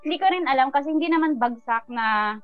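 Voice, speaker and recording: A woman's voice: high voice, quick pace, no echo. Earnest woman telling her life story. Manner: earnest and animated, often trails off with fillers. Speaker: guest, business owner. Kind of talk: personal life story in an interview. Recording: muffled sound with faint music.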